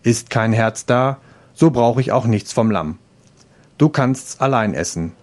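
A man reading a fairy tale aloud, voicing a calm, stern old saint in a measured, solemn manner. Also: mid-range voice, lightly acted.

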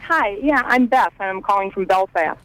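A woman's voice: medium pitch, expressive, a bit bright, low-quality recording. Hesitant woman caller over the phone. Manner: hesitant, halting start. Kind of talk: casual call-in chat.

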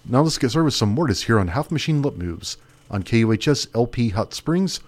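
A man's voice: mid-range voice, animated, brisk. A man hosting a small radio music show, chatting casually and rambling as he thinks aloud. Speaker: radio host.

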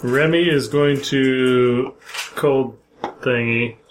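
A man's voice: medium pitch, fairly even intonation, extremely slow, a little hiss or hum. A man playing in a tabletop game, making wry, dry quips. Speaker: player. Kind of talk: casual tabletop game chat.

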